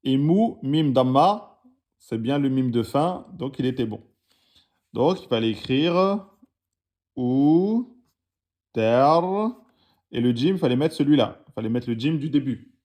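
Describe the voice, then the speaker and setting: Teaching the Arabic alphabet to French speakers, this man has a medium-pitched, darkish, expressive voice and a measured pace broken by frequent pauses. He patiently goes over written exercises, sounding out every letter and vowel.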